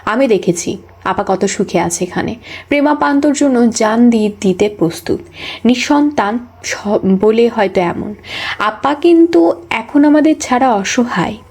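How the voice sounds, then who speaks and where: A text-to-speech woman's voice reading a novel aloud as an audiobook, keeping an even, flat delivery for every character. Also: a little high, unhurried, slightly rough. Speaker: audiobook narrator.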